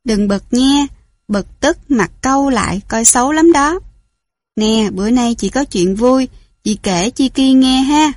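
A gentle ten-year-old girl murmuring softly and tenderly, as a woman reads her. The voice sits a little high. The sound is dry and close, with no room around it. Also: slow, no echo. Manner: tender, coaxing whisper-like murmur.

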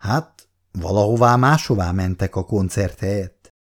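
A man voicing a calm, reassuring grown son who is kind to his parents. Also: fairly low pitch.

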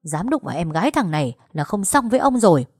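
A woman voicing a hot-headed young husband who shouts threats in a furious temper. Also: lowish voice, big pitch swings, fast talker, no room sound, clean studio sound.

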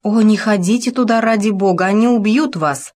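A woman plays a terrified maid begging for mercy, her voice trembling and pleading. She speaks at a moderate pace in a mid-range, slightly mellow tone, pitched above her natural voice but still sounding natural.

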